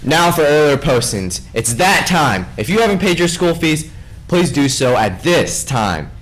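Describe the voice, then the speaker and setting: A young adult student anchors a school announcements broadcast from a small studio desk, playful and jokey and gesturing big with his hands. His voice is fairly high and a little slow, and the recording quality is low.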